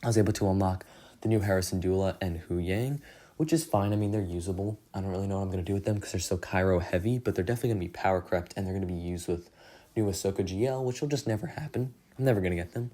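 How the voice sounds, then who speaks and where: A man's voice: low-pitched, rapid-fire, mellow. A young man casually recapping his game progress, rambling and poking fun at himself. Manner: rambling, self-deprecating, many fillers. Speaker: gaming channel host.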